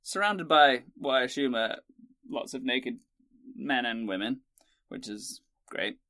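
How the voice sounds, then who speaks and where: A man's voice: mid-range voice, unhurried, bright, forceful tone, dry recording. A man co-hosting a casual podcast, joking and wry as he riffs, in a tiny sound booth. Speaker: podcast co-host.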